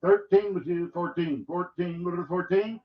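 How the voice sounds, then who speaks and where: A man's voice: high-pitched, unhurried, far from the mic, slight background noise. A man calling a live auction in an auctioneer's chant, rattling off repeated numbers. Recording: echoey, dull lo-fi room sound.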